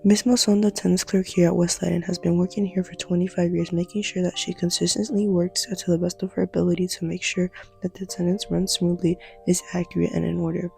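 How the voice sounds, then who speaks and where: A teenage woman reading a scripted news report as a student reporter, brisk and even. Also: fairly low pitch, creaky, soft background music.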